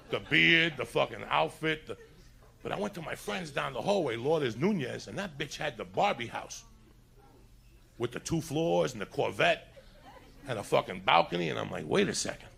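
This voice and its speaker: Gravelly New man telling crude stories. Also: on the high side. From New York City. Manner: crude, animated, laughing through his own story. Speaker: storyteller. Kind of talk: profane comedic storytelling.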